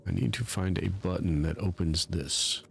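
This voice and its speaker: A man's voice: sits low, moderate pace, creaky, slight background noise. A man streaming a game live, rambling in a self-mocking way and chatting with his viewers. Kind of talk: casual live-stream commentary.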